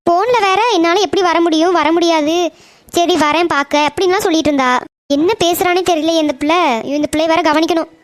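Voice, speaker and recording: A woman voicing a greedy, scheming middle-aged aunt in a cartoon, muttering her plots to herself. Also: very high voice. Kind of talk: cartoon voice acting.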